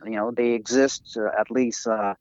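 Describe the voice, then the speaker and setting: A man with a French accent, a native French speaker, talking as an interview guest and author in a halting way with many fillers and restarts. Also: medium pitch, flat delivery, a little mellow, no echo. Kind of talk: interview talk over a call. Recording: dry, dull lo-fi audio.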